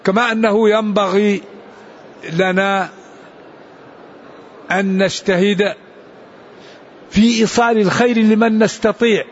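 A man teaching a religious lesson in an explanatory, unhurried way, restarting and adding asides. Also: sits high, steady tone, dull audio, slight background noise. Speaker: Islamic scholar.

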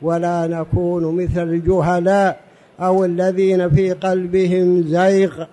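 A man giving a religious lesson in formal standard Arabic as a teacher, in a deliberate, didactic manner with repetition and rhetorical questions. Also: high-pitched, flat delivery, dark tone. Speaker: religious teacher addressing a study gathering.

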